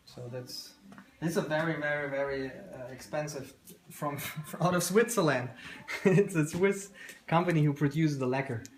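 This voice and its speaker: This is a workshop tour led by the company founder, a man in his thirties with a German accent whose voice is on the high side and moves at a moderate pace. He explains his work casually, often searching for words. The small indoor room is captured by a handheld camera a couple of metres off, giving roomy audio with background noise and clicks.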